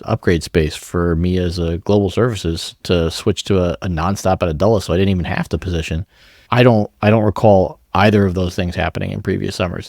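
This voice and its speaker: A man co-hosting a podcast, telling his own travel stories in a relaxed way. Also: low voice, dry recording, studio quality. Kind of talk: podcast conversation.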